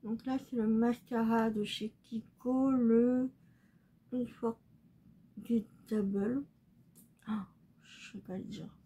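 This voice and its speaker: A young woman talking casually while doing her makeup at home, soft-spoken and halting, full of pauses and fillers. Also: on the high side, steady tone, breathy edge. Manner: hesitant, halting, many fillers; soft and subdued. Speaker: beauty vlogger. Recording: slightly dull recording, faint room ambience.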